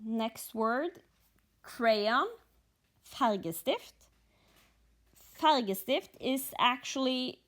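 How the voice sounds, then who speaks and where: A Norwegian woman with a Norwegian accent talks through her cross-stitching in a very slow, drawn-out way. Her voice sits a little high, and she sounds sleepy and methodical, pausing between phrases while she works. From Norway. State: sleepy, only a few hours of sleep. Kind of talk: slow stitch-along commentary.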